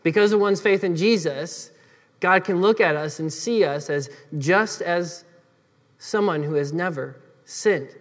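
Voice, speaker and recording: A man preaching a sermon as pastor, earnest, often dropping to soft emphatic phrases. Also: high voice, unhurried, in a large hall.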